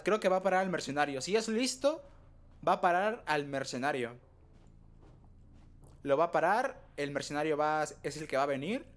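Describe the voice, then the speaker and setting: Excitable gaming streamer, young man. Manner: excitable, trash-talks opponents, sudden high yelps. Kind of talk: live gameplay commentary.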